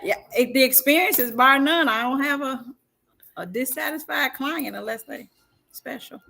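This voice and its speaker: A woman's voice: high voice, moderate pace, creaky, bright, forceful tone, slight background noise. Confident middle-aged woman guest. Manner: confident, self-assured, playful. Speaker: guest, real estate broker. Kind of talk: casual chat.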